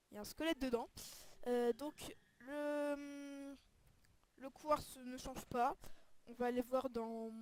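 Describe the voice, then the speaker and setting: A woman's voice: on the high side, a little mellow. A woman casually commenting on a game texture pack as a video creator, hesitant and often searching for her words. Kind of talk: casual screen-recorded commentary.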